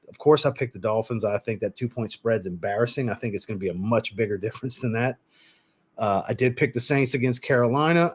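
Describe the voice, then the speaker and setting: A man's voice: medium pitch, a little mellow, husky. Blunt rambling man chatting on a stream. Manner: rambling and blunt, with mild swearing; restarts and repeats himself. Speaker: live stream host. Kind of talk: casual live chat commentary.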